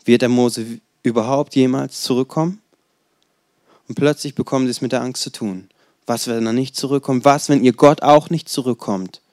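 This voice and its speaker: Young man in his 20s, casual storytelling sermon, mid pitch, dry close sound. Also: normal speed, a little mellow, no room sound. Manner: conversational, storytelling, rhetorical questions. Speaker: preacher.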